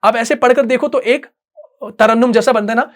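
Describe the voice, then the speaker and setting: A man teaching Quran recitation in a patient, step-by-step way. He often checks in with his students and chants verses slowly in melodic recitation. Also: very high voice, fairly even intonation. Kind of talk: tajweed lesson.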